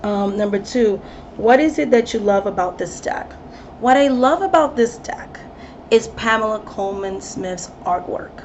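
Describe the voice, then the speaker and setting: A woman in her thirties with a mid-range voice speaks unhurriedly, with slight background noise in a somewhat dull recording with faint ambience. She's a tarot reader chatting casually to camera, full of ums and restarts.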